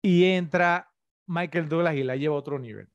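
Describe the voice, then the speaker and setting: A man's voice: a little high, moderate pace, no echo, highs cut off. A middle-aged man co-hosting a casual film-review podcast, rambling and full of tag questions. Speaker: podcast co-host.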